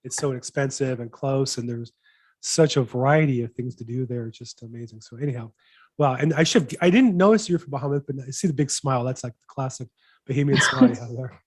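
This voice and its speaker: Hosting a weekly real estate video call, this broker talks fast in a medium-pitched voice picked up by a video call mic. He's upbeat and enthusiastic, and his questions run long and rambling.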